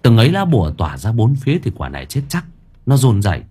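A man narrating an audiobook story in a lively, animated way. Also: mid-range voice, fast, slightly rough.

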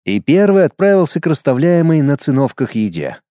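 A man narrating a first-person audiobook in a wry, expressive manner. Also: a little high, brisk, dry recording, clean studio sound.

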